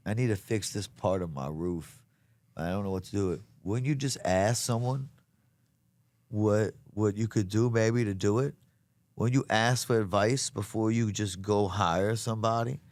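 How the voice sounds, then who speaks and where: A man's voice: on the low side, darkish tone, dry recording. A man chatting casually as an interview guest, earnest and emphatic, with plenty of slang. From south Louisiana, United States. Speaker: comedian being interviewed. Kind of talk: casual chat.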